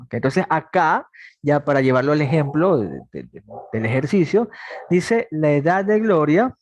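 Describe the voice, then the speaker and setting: Leading an online math logic lecture, this twenty-something man asks his students questions with patience, then supplies the answers. His voice sits on the high side, slightly mellow, with no echo. Speaking plainly, he goes over points more than once.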